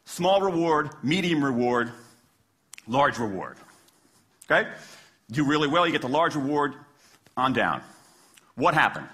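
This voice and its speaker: A man's voice: medium pitch, sing-song, unhurried, long pauses, pushed and bright. An American man giving a persuasive stage talk like a passionate closing argument, with emphatic rhetorical questions and punchy short phrases. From Washington, D.C., United States. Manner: passionate closing argument, like a lawyer addressing a jury. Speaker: public speaker, former lawyer.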